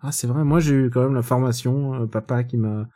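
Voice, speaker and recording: A man's voice: mid-range voice, steady tone, fairly quick. Chatty man reviewing films. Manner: opinionated, chatty, gently teasing. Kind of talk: casual film review chat.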